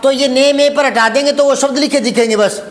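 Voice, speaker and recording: High-voiced Hindi teacher explaining grammar. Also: male voice, steady tone, fairly quick, reverberant. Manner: patient, repetitive, addresses students as beta, asks checking questions. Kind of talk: classroom lesson explaining grammar to students.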